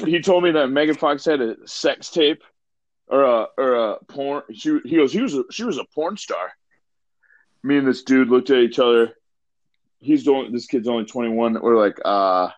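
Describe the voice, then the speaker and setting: A man's voice: medium pitch, a little slow, pauses often, no room sound, dull audio. A man co-hosting a casual podcast, telling crude, rambling anecdotes. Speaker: podcast co-host. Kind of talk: casual chat.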